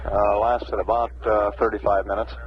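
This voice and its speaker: An American man giving measured, hesitant, matter-of-fact spaceflight status commentary as a mission control announcer. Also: lowish voice, little pitch movement, highs cut off. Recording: noisy band-limited 1960s mission radio archive.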